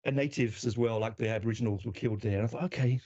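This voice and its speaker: A man's voice: mid-range voice, fairly even intonation, rapid-fire, darkish tone. A man with an Australian accent telling a story in casual chat, acting out the quotes and swearing casually. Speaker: podcast guest or host. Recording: dull lo-fi sound.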